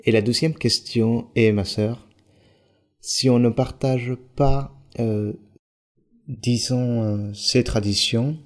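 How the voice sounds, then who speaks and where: A man from the congregation respectfully asking a church leader questions, a little hesitant and pausing with fillers. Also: mid-range voice, fairly even intonation.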